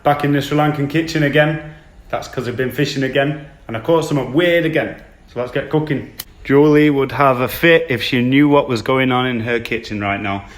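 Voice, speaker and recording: Chatty man vlogging. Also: mid-range voice. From United Kingdom. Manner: chatty and informal, mild swearing. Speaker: travel vlogger. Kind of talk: casual vlog narration.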